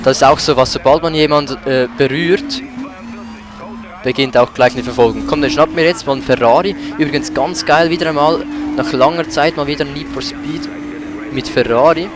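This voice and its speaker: Over the engine noise and music of a racing game, a man talks casually as he plays, recording his let's play commentary through a voice-over mic on top of the game audio. His voice runs a little high at a normal speed.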